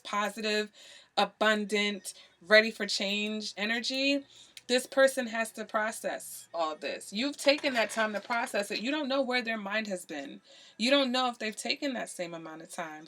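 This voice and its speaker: A tarot reader speaks directly to the camera in a medium-pitched, slightly bright voice, giving earnest and emphatic advice. She checks in constantly with "okay?", repeats phrases for emphasis, and fills her speech with "you know."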